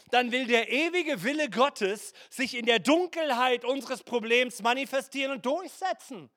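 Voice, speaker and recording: A man delivers a sermon in an unusually high voice, taking his time with each phrase. He slips into playful mimicry of hesitant listeners. The sound is dry and close. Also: fairly bright tone, no echo. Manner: preaching with acted asides and playful mimicry. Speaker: pastor.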